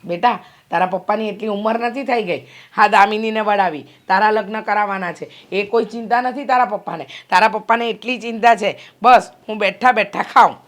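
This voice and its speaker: A woman's voice: mid-range voice, brisk, a bit bright, close to an everyday voice. A middle-aged woman playing a worried mother who scolds and fusses over her daughter in a short film drama. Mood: bitter. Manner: fretful, nagging, complaining.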